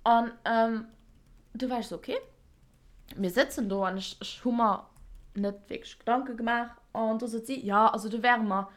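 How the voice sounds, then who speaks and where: A young woman co-hosting a podcast, chatting casually and telling an animated story with frequent laughter. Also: a little high, moderate pace. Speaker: podcast co-host. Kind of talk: casual chat.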